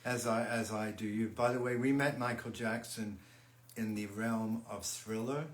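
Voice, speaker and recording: Fairly low and steady, this older musician's voice carries through an echoey room with faint ambient noise as he hosts a fan livestream. His casual chat is halting, full of restarts and repeated words.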